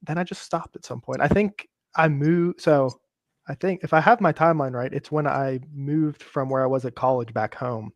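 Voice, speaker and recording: A man's voice: a little high, moderate pace, dry recording. A young adult man, a guest on a casual live chat, talking in an easygoing, reflective way with plenty of fillers.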